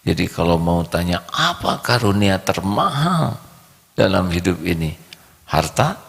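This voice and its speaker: A male preacher delivers a slow storytelling sermon in a low, gravelly voice. His words ring with a long reverb in a large hall. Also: lively intonation, fairly bright tone.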